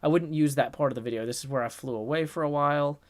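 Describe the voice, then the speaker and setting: A man hosting a casual livestream in a raspy, strained put-on voice, chatting and reading viewer comments into a boom mic. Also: fast talker, no room sound. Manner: rambling, chatty, talks to chat while working on a build. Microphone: boom microphone.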